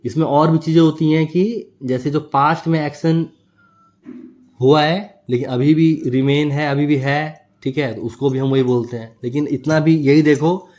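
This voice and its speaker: A man's voice: a little high, fairly even intonation, normal speed, darkish tone. A man teaching a grammar lesson, explaining step by step and often checking with a tag question.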